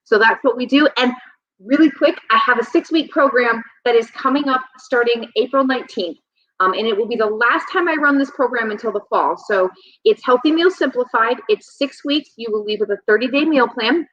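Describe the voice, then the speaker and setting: A woman in her thirties, a health and nutrition coach talking as a guest in a relaxed interview, reflective and rambling with frequent ums. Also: fairly high pitch, a little fast. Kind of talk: casual conversational interview. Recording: slightly dull, lo-fi sound.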